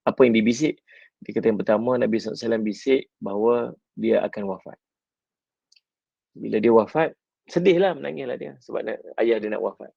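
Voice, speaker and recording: A man preaching with a Malaysian Malay accent. His voice is heavily gravelly and husky. The recording is dull and dry, like a lo-fi room capture. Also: lowish voice, no echo. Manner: animated storytelling with soft drawn-out pauses. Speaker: religious teacher. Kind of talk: Malay-language sermon storytelling.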